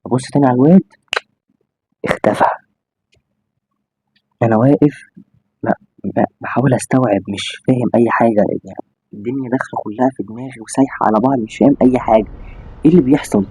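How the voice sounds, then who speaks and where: A man with an Egyptian accent casually telling a spooky story to his listeners, animated and full of exclamations and restarts. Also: mid-range voice, fast, long pauses, slightly rough, dry recording. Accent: Egyptian Arabic. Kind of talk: casual spoken storytelling to an audience. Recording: slightly dull audio with faint music.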